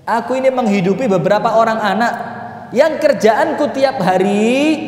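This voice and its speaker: A man voicing a weeping poor widow with a Javanese accent, high and plaintive. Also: moderate pace, darkish tone. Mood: lamenting. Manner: high wailing plaintive pleas. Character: weeping poor widow, woman, desperate and pleading. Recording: echoey mosque hall.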